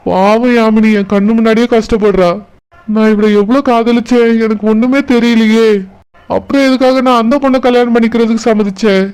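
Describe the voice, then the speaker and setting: A gentle, confused young man who has lost his memory, voiced by a man in a cartoon. His voice is high and smooth, with a Kanyakumari Tamil accent, and he muses softly aloud. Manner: soft, pleading, musing aloud. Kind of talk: cartoon voice acting.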